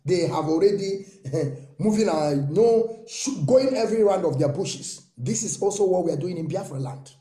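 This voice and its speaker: A man's voice: high voice, lively intonation, normal speed, dark tone, reverberant. A man in his thirties with a Nigerian accent, giving a fervent monologue to camera with many rhetorical questions and repetitions. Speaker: political commentator. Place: small room indoors.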